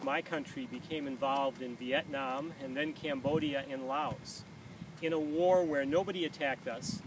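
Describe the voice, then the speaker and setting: A man in his sixties speaking earnestly while walking around an outdoor track, pausing often with "uh". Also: mid-range voice. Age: 60s. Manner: earnest, measured, with frequent "uh" pauses. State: talking while walking backward. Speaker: founder of a peace walking movement. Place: outdoor running track by traffic. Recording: distant outdoor mic with loud traffic noise.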